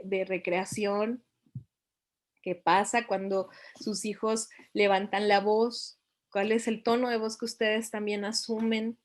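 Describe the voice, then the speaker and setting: A middle-aged woman, giving a reflective talk to parents and asking them many questions. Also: medium pitch.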